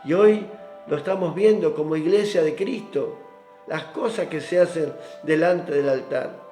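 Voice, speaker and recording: A man preaching a devotional sermon, reading scripture slowly and stressing points to the brethren. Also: a little high, mellow. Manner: reads scripture slowly, drawn out, with emphatic asides to the brethren. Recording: roomy echo with faint instrumental music. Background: faint instrumental music.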